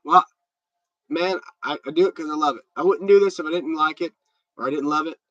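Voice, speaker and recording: A stuffed-up man hosts a casual livestream, rambling loosely and answering viewer comments while restarting his sentences again and again. His voice is a little high and fairly bright, his pace brisk, and the recording sounds muffled with no room sound.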